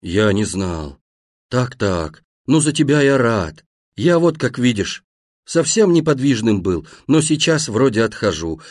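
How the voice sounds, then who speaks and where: A man reading an audiobook and voicing a deaf, bedridden grown man who talks loudly in a deep, husky voice. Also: no echo, studio quality.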